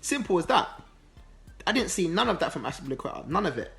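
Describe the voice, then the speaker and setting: A man giving a casual, animated match review, with many ums and restarts. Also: high voice, fast, creaky, soft background music. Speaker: football channel host.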